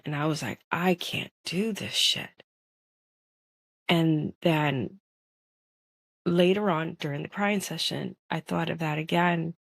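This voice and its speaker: Woman podcast host, lowish voice, dry close sound; earnest, emphatic, talks straight to the listener. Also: creaky, no room sound. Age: adult parent. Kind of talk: personal monologue.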